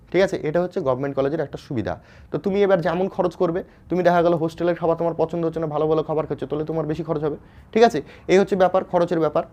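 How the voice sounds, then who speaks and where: A Bengali-accented man from West Bengal is teaching students in an informal explainer. His voice sits a little higher than most men's. He keeps checking in with his listeners and often restarts his phrases. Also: a little mellow. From West Bengal, India. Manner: informal, repeats "ঠিক আছে?" to check understanding, frequent fillers and restarts. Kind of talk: explainer lesson addressed to students.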